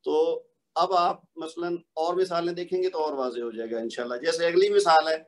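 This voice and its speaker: A man teaches a recorded online recitation lesson in a fairly high voice. He explains each rule patiently, step by step, and draws out the example words slowly so learners can repeat them.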